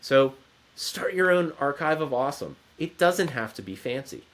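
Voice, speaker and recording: A man's voice: fairly high pitch, animated, normal speed, fairly bright tone. A man in his forties giving an earnest, encouraging motivational talk to camera from his home office. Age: 40s. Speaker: motivational speaker.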